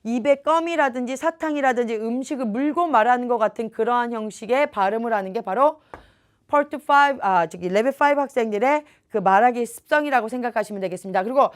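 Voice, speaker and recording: A woman teaching a test-prep lecture, explaining points clearly and stressing them by repeating. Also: a little high, quick pace. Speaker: English test prep instructor.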